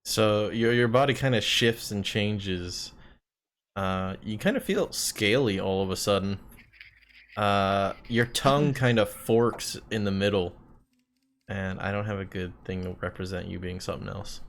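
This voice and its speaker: Man, game master, live tabletop stream, low-pitched voice, casual sweary delivery. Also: fairly even intonation, measured pace. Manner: loose and casual, with swearing and filler words.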